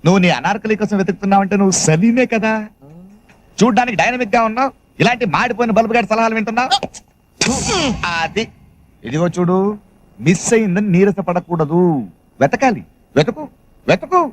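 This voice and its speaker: Boastful middle-aged gambler. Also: male voice, sits high, lively intonation, a little fast, pauses often. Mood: breezy. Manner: patronizing, showy advice. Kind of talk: film dialogue.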